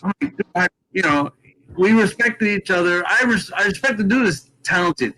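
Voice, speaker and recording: A man speaking as a guest on a radio show, chatting informally in a halting, conversational way. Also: high-pitched, lively intonation, pushed and bright, low-quality recording. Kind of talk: casual reminiscing chat.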